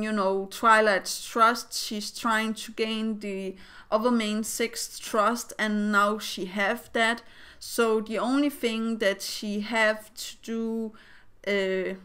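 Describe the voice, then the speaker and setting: A woman's voice: mid-range voice, pushed and bright, smooth. A young woman giving casual fan theory commentary as a vlogger, rambling with hesitant phrasing.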